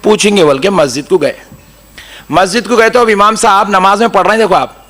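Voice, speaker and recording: A man's voice: sits high, brisk, fairly bright tone. A man with a Hyderabadi Urdu accent giving a humorous sermon, telling stories, mimicking others and chanting Quran passages. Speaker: preacher.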